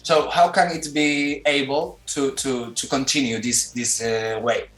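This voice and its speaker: A man with a Spanish accent hosting an interview, asking formal questions in careful, slightly halting English. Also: mid-range voice, little pitch movement, a bit bright, echoey room, soft background music, poor audio. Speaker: interviewer, channel host.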